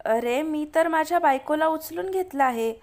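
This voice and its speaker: Gentle teasing young husband in a spoken story, read by a woman, light high voice. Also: moderate pace, natural voice.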